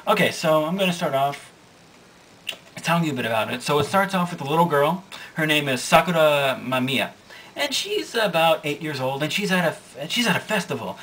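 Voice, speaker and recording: A man's voice: a little high, lively intonation, brisk, fairly bright tone, slight background noise. A young man casually recapping a manga's plot, rambling and correcting himself with amusement, recorded from a distance. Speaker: manga reviewer.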